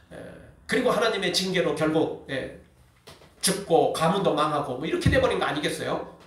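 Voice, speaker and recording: In a church sanctuary, a male pastor with a high, fairly bright voice preaches an emphatic sermon, frequently slipping a brief "yes" between phrases. The recording is very echoey, caught from a distant mic in the hall.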